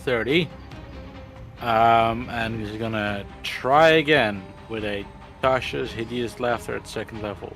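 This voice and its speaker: A man's voice: medium pitch, unhurried, a bit bright. A man playing a tabletop game, casually narrating his character's actions. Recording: music playing behind. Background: background music.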